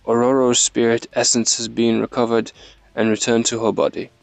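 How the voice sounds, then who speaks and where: A regal warrior king giving orders in a game story, read by a man in his own gravelly, smooth voice. The voice is dry and close, with faint music underneath. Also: mid-range voice, steady tone, normal speed, no room sound, natural voice. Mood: solemn. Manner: reads plainly, no accent attempted. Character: regal male king leading a ritual.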